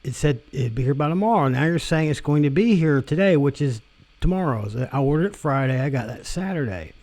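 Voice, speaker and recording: A man's voice: fairly high pitch, expressive, fairly quick, darkish tone. A man vlogging in a casual rant, rambling and profane, often repeating and restarting himself.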